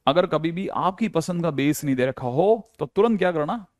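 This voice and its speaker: A man lectures a maths class in a playful, repetitive way and keeps turning to his students. His voice sits a little high for a man. The sound is dry and close, with almost no room around it. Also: expressive, normal speed, darkish tone, dry recording. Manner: playful, repeats key phrases, addresses students directly. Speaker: maths teacher.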